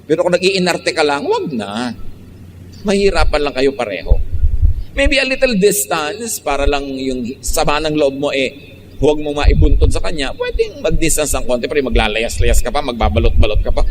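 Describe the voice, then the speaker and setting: A man's voice: a little high, very animated, a little fast, in a large hall, a little hiss or hum. A man from the Philippines with a Filipino accent preaching a sermon, switching between Tagalog and English in an emphatic, teasing way.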